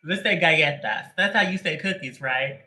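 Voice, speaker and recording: A man's voice: a little high, moderate pace, pushed and bright, low-quality recording. A man hosting a live tarot reading, chatting casually with viewers and greeting them by name between joking asides. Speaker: tarot reader. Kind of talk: livestream chat before a reading.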